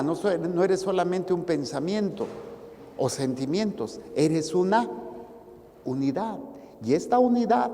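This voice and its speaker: A man with a Mexican Spanish accent, a priest giving a sermon with animated, playful asides to the congregation. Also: sits high, in a large hall. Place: church.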